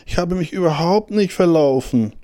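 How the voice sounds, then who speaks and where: A man's voice: expressive, normal speed, warm tone, close to an everyday voice. A man reading a storybook, voicing a small, frightened male hare who insists on what he wishes were true. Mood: anxious denial. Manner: high anxious self-reassuring squeaks.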